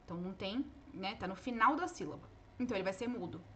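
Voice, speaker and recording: A woman teaching English pronunciation in a live online lesson, explaining patiently and modeling each word slowly aloud. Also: mid-range voice, animated, fairly bright tone, a little hiss or hum.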